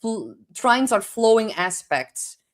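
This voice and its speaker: A young Dutch-accented woman hosts a casual astrology forecast in a fairly high voice with big pitch swings, taking it slowly. She rambles, uses "like" as a frequent filler, and sometimes struggles to find English words.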